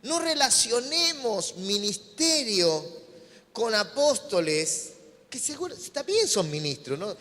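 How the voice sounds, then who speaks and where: Argentine pastor preaching in a reverberant hall. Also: male voice, sits high, big pitch swings, takes it slowly, sharp tone. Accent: Argentine Spanish. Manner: conversational preaching, acting out imagined dialogue with humor. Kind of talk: sermon. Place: church sanctuary.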